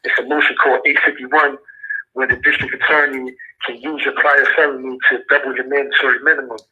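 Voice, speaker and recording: A man's voice: medium pitch, level tone, fast talker, slightly rough. Brooklyn man over a tinny prison phone. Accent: Brooklyn New York. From Brooklyn, New York. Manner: laid-back street slang, repeats "you know what I'm saying". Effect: heard over a prison phone line. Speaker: incarcerated rapper calling in as guest. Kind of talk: casual phone interview.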